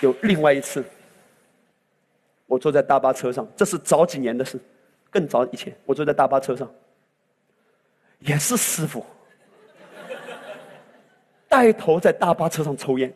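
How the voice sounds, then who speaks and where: A man's voice: a little high, moderate pace, pauses often, a little mellow. A male pastor preaching a sermon with impassioned delivery that swells into exclamations, recorded in a church hall. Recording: reverberant hall sound.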